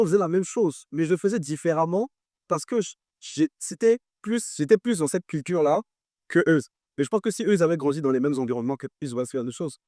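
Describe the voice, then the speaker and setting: A young French-accented man, his voice a little higher than most men's, speaks in a relaxed, mellow tone that turns animated, repeating phrases to hammer home his points. He's a guest artist and producer in a casual interview chat, recorded close and dry with no echo.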